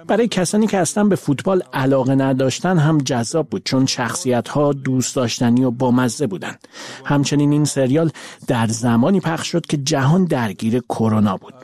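A man giving a measured voice-over translation of a guest's interview answers. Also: medium pitch, darkish tone.

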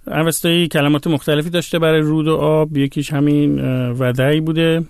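A man patiently explaining words one by one in a relaxed educational chat. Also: on the high side, gravelly, clear, resonant tone, no room sound, studio quality. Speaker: language expert co-host.

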